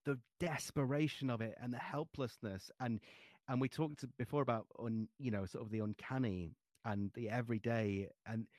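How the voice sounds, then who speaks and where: A man, a guest author on a podcast interview, talking passionately and halting with restarts. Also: medium pitch, a little mellow, no echo, clean studio sound.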